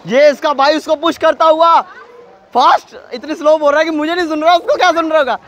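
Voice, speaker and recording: High-voiced man commentating poolside. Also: steady tone, a little fast, fairly bright tone. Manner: chatty, calls out encouragement to swimmers. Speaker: vlogger filming a school swimming meet. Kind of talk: casual commentary to camera. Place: outdoor swimming pool at a school competition.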